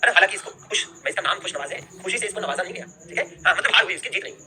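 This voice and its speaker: A man's voice: high voice, racing, pushed and bright. A young man teaching a history class, repeating key terms and checking in with students after every point. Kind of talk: live online class lecture.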